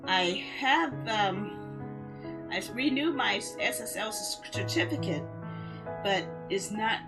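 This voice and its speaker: Over music, a woman game streamer with a medium-pitched, animated voice talks slowly to her viewers. Her livestream chat is casual, rambling and conversational.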